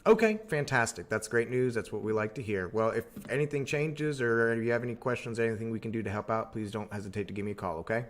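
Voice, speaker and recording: A man's voice: lowish voice, steady tone, fast, few pauses. A man working as a real estate agent, making friendly, upbeat cold calls to homeowners. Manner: friendly, upbeat phone manner. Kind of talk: live phone prospecting.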